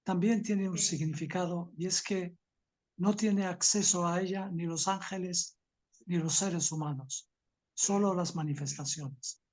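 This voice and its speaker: A man's voice: high voice, fairly even intonation, unhurried, darkish tone. Male caller on a weak, cutting-out video line, faint and far from the mic, brief explanatory tone. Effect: faint, weak call audio that fades and drops out. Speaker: meeting participant on a video call. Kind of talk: casual group discussion. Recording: faint distant video-call audio.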